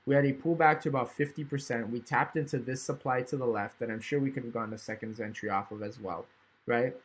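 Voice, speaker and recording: Talking fast in a steady, medium-pitched voice with a breathy edge, a male trading educator with hiccups casually narrates a screen-recorded chart walkthrough, thinking aloud and often tossing in "right?".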